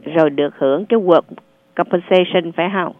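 Low-voiced woman advisor on a tinny line. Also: dry recording. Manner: patient, measured, reassuring. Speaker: radio advisor on social services. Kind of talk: call-in advice, explaining benefits. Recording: narrow phone-like sound.

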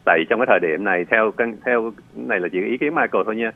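A man, an immigration lawyer, giving patient advice on a radio call-in show, pausing often with fillers as he explains. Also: lowish voice, creaky, dry recording. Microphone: phone line. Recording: tinny phone line, dry.

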